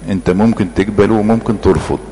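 A man with an Egyptian Arabic accent preaches in a very low voice, earnest and emphatic. He builds his points by repeating short phrases. The sermon rings with long hall reverb over a faint background hum. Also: steady tone, fast, warm tone.

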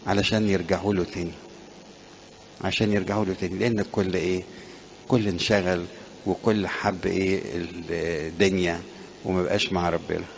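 A man's voice: low voice, flat delivery, fairly quick, gravelly, long pauses. A man with an Egyptian Arabic accent preaching a sermon, asking questions of his listeners and answering them himself.

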